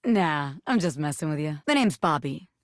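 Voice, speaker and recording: A brash little hairpin crime boss for a video game. She is a cocky, slangy schemer who teases and boasts with very lively, swooping intonation. The sound is dry and studio-close. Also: low voice, normal speed, no room sound. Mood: cocky, menacing, teasing. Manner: cocky, slangy street-tough swagger, teasing. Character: brash living bobby pin, swaggering female wannabe gangster, playful schemer. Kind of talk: video game character voice acting.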